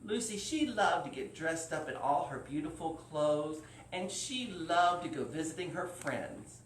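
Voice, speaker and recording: At a live story time for kids, this male library host keeps things informal, drawing out his words for the young audience. He sounds slightly high and lively in intonation, taking an unhurried pace; the recording is roomy, with a distant mic and faint noise.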